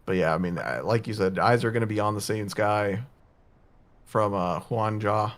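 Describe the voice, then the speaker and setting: Relaxed male co-caster breaking down plays. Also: lowish voice, moderate pace. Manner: relaxed, analytical, with fillers. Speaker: co-caster analyst. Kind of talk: esports color commentary.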